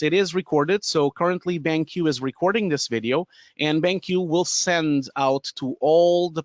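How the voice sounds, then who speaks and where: Hosting a live webinar from his home studio room, a man in his thirties from Portugal talks through a headset with a boom mic, his Portuguese accent clear. He chats loosely with lots of fillers, restarts and laughter. The mid-range voice is captured dry and lo-fi.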